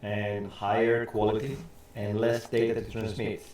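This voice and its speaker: A man's voice: on the low side, little pitch movement, unhurried, darkish tone. A man co-hosting a casual talk show. His voice sounds hollow and boxed in, as if he is talking through a tube, and he explains things in a chatty way with frequent restarts. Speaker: co-host. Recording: very echoey, distant mic.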